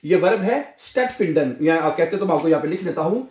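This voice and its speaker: A man with a Pakistani accent teaching a German vocabulary lesson, drawing out each German word slowly and asking his students questions. Urdu is his first language. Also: fairly high pitch, lively intonation, darkish tone. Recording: echoey room.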